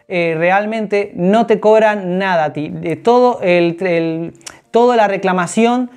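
His voice sits high with a darkish tone as this thirtysomething finance vlogger offers earnest, explanatory advice straight to camera. He gestures while talking, framed by an orange wall in a small room.

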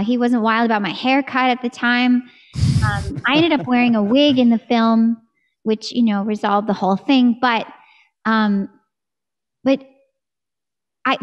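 An American woman singer in her thirties chats enthusiastically in a video-call interview from a room at home with a curtain backdrop, using a studio mic on a boom arm. Her voice is fairly high, and the highs are cut off.

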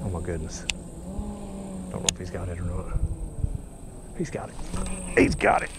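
A young fishing vlogger with a Kentucky accent talks to himself and his viewers in casual running commentary while fishing from a grassy pond bank. His deep, gravelly voice has a sing-song lilt and a moderate pace, and it competes with loud music. A head-mounted action camera picks him up, along with outdoor wind noise.

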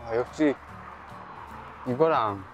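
A man's voice: medium pitch, very fast, lo-fi sound, soft background music. Young man talking with his mouth full. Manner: relaxed, chatty, between bites. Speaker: vlogger. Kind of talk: casual mukbang chat. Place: outdoor riverside park.

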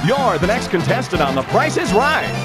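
Animated, high-voiced game show host. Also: male voice, normal speed. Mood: upbeat, showy. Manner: exclamatory, showy. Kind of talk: scripted game show hosting. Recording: loud music and studio crowd behind.

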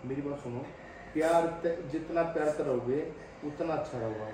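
A man's voice: a little high, moderate pace, dark tone. A father patiently coaxing and explaining things step by step to his children in a family home video. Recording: echoey room, far from mic, noisy.

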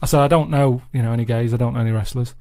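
Deadpan man rambling. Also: medium pitch, racing. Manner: deadpan, rambling anecdote with repeated "I said". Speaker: podcast regular telling a story. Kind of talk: casual chat.

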